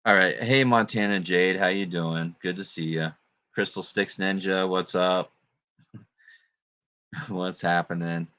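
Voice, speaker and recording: A man's voice: deep voice, fairly even intonation, unhurried, pauses often, sharp tone, dry recording. A man hosting a casual livestream, greeting viewers and chatting in a laid-back way with plenty of fillers and laughs. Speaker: livestream host.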